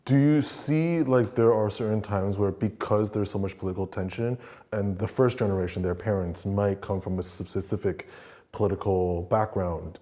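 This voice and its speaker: A male news show host with a low, mellow voice. He asks his questions in a casual, halting way, with plenty of fillers. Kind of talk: interview hosting.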